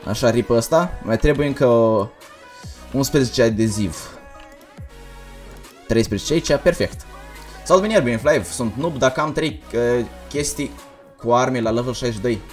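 A young man livestreaming a game, talking fast and energetically while reading out chat messages. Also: medium pitch, soft background music. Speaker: gaming livestreamer. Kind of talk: casual livestream commentary.

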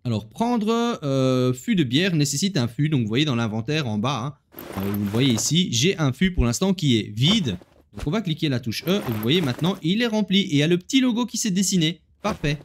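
Brief: playful gaming host, a man with a fairly high voice, talking straight to viewers as he plays. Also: animated, fairly quick, a little hiss or hum. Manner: chatty, talks straight to viewers while playing; playful, laughs at himself. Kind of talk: casual gameplay commentary.

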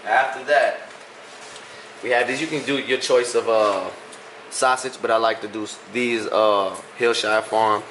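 Here the vlogger's mid-range voice stays steady and fairly bright at an unhurried pace. A young man with a Louisiana accent, he cooks in his home kitchen and keeps things loose, joking and teasing. A counter-mounted phone camera records him amid kitchen echo and background noise.

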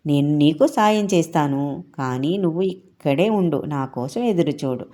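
A woman's voice: deep voice, expressive, normal speed, mellow. A woman voicing a small sparrow in a children's story who chirps and offers help. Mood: helpful. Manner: chirpy calls, eager to help. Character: helpful little sparrow.

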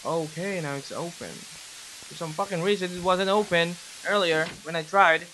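A man's voice: fairly high pitch, normal speed, bright, forceful tone, rough recording. A young man commentating on his horror game playthrough, muttering and swearing to himself. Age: young adult. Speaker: gaming streamer. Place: indoors at a gaming desk. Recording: noticeable background hiss.

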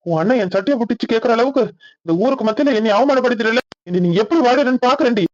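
A boastful, quick-tempered cartoon husband fires off angry threats, voiced by a man. His voice is very high and rapid, with a Kanyakumari Tamil accent. The recording sounds dull and lo-fi. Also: animated, a little mellow, dry recording. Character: hot-headed young village husband, boastful. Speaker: voice actor in a village comedy cartoon. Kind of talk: comic cartoon voice acting.

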